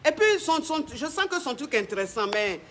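A man's voice: extremely high pitch, big pitch swings, brisk, fairly bright tone. A man hosting a comic call-in show as a flamboyant, bossy self-styled coach who mixes broken English with French.

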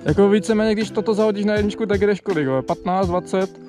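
A man vlogging outdoors on an industrial lot, chatting casually in slangy speech about riding. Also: sits high. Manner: slangy, relaxed, laughs often. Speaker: motovlogger. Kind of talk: casual motovlog chat. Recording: loud music laid over voice.

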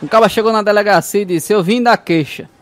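A man's voice: sits high, fast, no echo, some chatter behind. A man telling mother-in-law jokes, chuckling through his punchlines and acting out the voices. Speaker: stand-up comedian.

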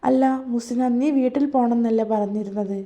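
A woman's voice: a little high, fairly even intonation, a little fast, mellow, natural voice. A woman playing a harsh, cold young husband. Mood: scolding. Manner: curt, scolding.

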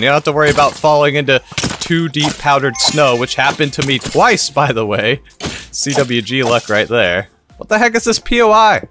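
A man's voice: on the high side, background noise. A man from Kentucky giving upbeat, jokey gameplay commentary, laughing often. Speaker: gaming YouTuber.

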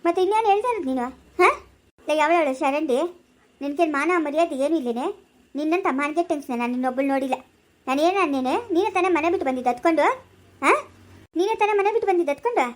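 A woman playing a quarrelsome older village woman who shouts sharp, rapid accusations in a homemade family drama. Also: high-pitched, natural voice. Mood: angry scolding.

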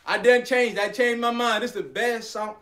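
A man's voice: very high-pitched, normal speed. A young man reacting on a video call in casual, rowdy, slangy chat with plenty of swearing. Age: young adult. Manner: animated, profane, slangy. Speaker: guest reactor to amateur rap songs. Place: indoor room, video call.

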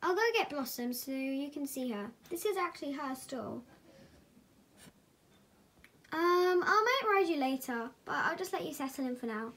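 Woman voicing an eager chatty girl rider, high bright voice, toy horse movie. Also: normal speed. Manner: excitable, chatty.

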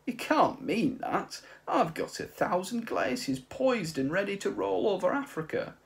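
A man voicing an old planet builder who gets indignant, speaking high and drawn out. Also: animated, a little slow, vocal fry, heavily acted.

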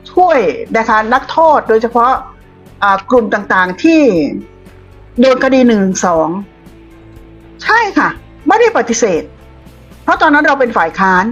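High-voiced, combative woman commentator. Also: fairly bright tone. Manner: combative, scolding, blunt. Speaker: political commentator. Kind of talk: political commentary monologue. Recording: dull lo-fi audio with faint music.

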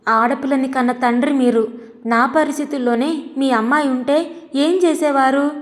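A woman's voice: sits high, fairly even intonation, normal speed, natural voice. A woman voicing a young wife, poor and wronged, who speaks in a tearful, accusing way. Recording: long reverb.

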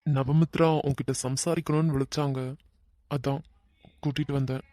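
A performer voicing an easygoing, teasing young man in a cartoon, with a Kanyakumari Tamil accent and a soft, coaxing way of talking. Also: mid-range voice, little pitch movement, moderate pace, dry recording, studio quality, close to an everyday voice. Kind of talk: cartoon voice acting.

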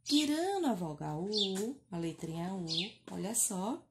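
A woman teacher from Brazil with a northeastern Brazilian accent, speaking slowly in a sing-song way as she sounds out syllables and praises young children in a recorded phonics lesson. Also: mid-range voice, big pitch swings, a little hiss or hum. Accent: Brazilian Portuguese, northeastern. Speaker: first-grade teacher.

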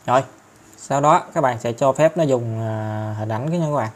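A man with a Southern Vietnamese accent talking viewers through an app tutorial step by step, chatty and filling pauses often. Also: mid-range voice. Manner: chatty, step-by-step, many fillers and tag particles. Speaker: tutorial host. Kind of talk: screen-recorded app tutorial.

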